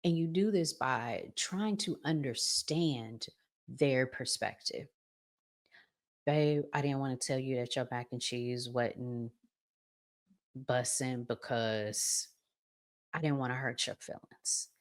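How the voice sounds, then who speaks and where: This woman speaks slowly in a very deep voice. An American host of a relationship advice channel, she chats casually and emphatically, uses colloquial language, lengthens her key words, and acts out examples.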